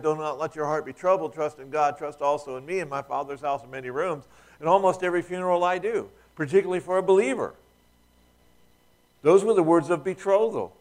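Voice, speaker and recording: A male pastor delivering a sermon in a loose, conversational way, full of asides and restarted sentences. His voice sits a little higher than most men's. He pushes louder and more emphatic whenever he lands a key point. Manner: relaxed, chatty, with frequent restarts and asides.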